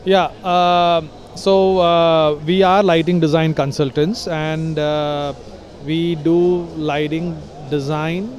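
A man's voice: on the high side, flat delivery, slow pace, darkish tone, dull audio. A man, a lighting consultant explaining his work at a busy expo hall with many hesitations. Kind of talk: trade show interview. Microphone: handheld mic from interviewer.

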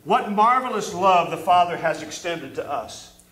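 Standing at a wooden pulpit, a middle-aged pastor reads scripture and builds in fervor through his sermon. His high-pitched voice is expressive and fairly bright, moving at a measured pace. The sound, taken from the pulpit microphone, is that of a roomy church hall.

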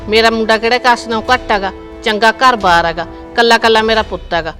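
A woman's voice: on the high side, steady tone, fast talker, a bit bright, faint music behind, close to an everyday voice. A woman playing a greedy middle-aged mother of the groom, blunt and haughty. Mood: demanding.

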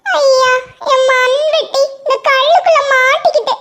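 A woman's voice: very high-pitched, measured pace, very noisy, pitched above the performer's own voice. A woman with a Kanyakumari Tamil accent voicing a stubborn little village boy in a cartoon story, whiny and tearful.

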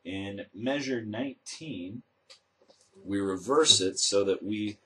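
A man giving a methodical, step-by-step guitar lesson as a teacher, explaining in a measured way. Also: on the low side, fairly bright tone, low-quality recording. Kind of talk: instructional demonstration with step-by-step explanation. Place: indoor room with instruments. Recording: acoustic guitar playing around the voice. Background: acoustic guitar notes and plucking.

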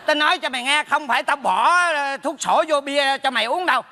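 A man's voice: extremely high pitch, pushed and bright, heavily acted. A man playing a meddling neighbor in a stage comedy sketch, brash and teasing. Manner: brash, teasing, rapid scolding. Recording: stage hall with long reverb.

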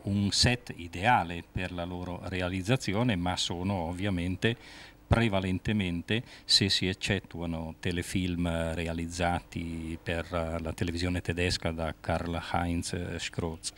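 An older man speaks in a very low voice into a handheld mic outdoors on a balcony. He hesitates often, filling pauses as he builds long winding sentences, with faint noise behind him. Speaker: writer and journalist guest. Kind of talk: interview answers. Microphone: handheld interviewer mic.

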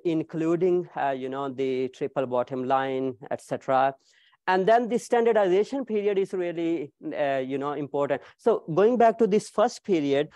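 A man in his thirties giving an academic keynote lecture in a small seminar room, speaking with animated gestures and frequent fillers. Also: fairly high pitch, dry recording, studio quality. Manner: animated, gestures while pacing, frequent "uh, you know" fillers. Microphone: far room camera.

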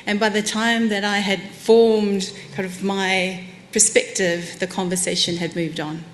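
On a conference stage, a woman with Samoan roots from New Zealand talks into a lectern microphone, her mid-range voice flat and her pace measured. Her keynote is candid and self-deprecating, warmed by light laughter, over slight background noise.

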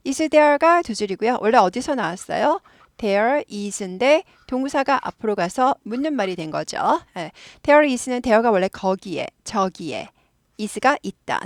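Gravelly-voiced woman teaching English. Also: fairly high pitch, dry recording, studio quality. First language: Korean. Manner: lively, repeats phrases for drilling. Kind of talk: explaining an English dialogue.

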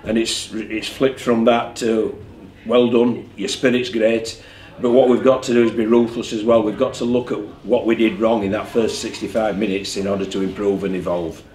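Through a desk mic in an echoey room with a faint hum, a man with a lowish, slightly mellow voice speaks at moderate pace with little pitch movement and few pauses. He is a rugby league head coach giving a candid post-match press conference, frequently repeating words while thinking.

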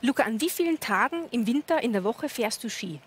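A woman's voice: fairly high pitch, expressive, brisk, husky. A woman in her thirties hosting a TV talk show, asking friendly, curious questions in a studio. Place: TV studio with audience.

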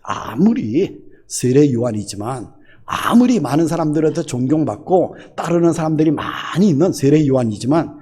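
A man's voice: mid-range voice, breathy edge. A middle-aged man, a senior pastor, preaching a sermon and asking his congregation question after question. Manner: animated, rhetorical questions to the congregation.

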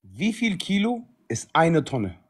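A man's voice: fairly high pitch, very animated, slow pace, husky. A man in his thirties bantering on a livestream, slangy and repetitive, calling out to viewers. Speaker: livestream host. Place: indoors, living room. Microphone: phone at arm's length.

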